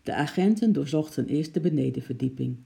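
A man reading a children's story aloud, lively and acting out the noises. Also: fairly high pitch, a little fast, gravelly. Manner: lively, acts out sound effects.

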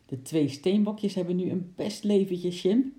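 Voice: medium pitch, measured pace, warm tone, pitched above the performer's own voice, close to an everyday voice. A reader voicing a kind young girl carrying a small monkey in a storybook. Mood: friendly. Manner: friendly, cheerful.

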